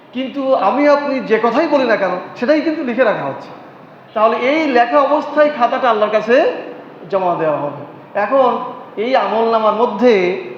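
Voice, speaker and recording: Male preacher, high voice, rhetorical and repetitive, dull lo-fi hall recording with long reverb. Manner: repeats key phrases, asks the audience rhetorical questions; recites Arabic verses and hadith in a slow chant. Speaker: Islamic preacher. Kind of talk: sermon. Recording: echoey hall, dull lo-fi sound, faint noise.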